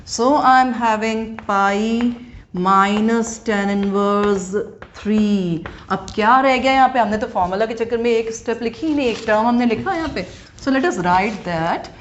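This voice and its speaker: Woman, Indian English accent, maths teacher, explains each step, quizzes students, very unhurried, slightly muffled recording. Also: on the high side. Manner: slow and deliberate, reading out each step; asks the students check questions. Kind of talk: classroom lesson mixing Hindi and English. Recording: dull lo-fi recording with faint noise.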